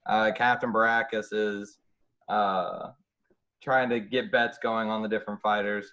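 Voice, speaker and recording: A man running a tabletop game as game master, relaxed and halting with fillers. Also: on the low side, highs cut off.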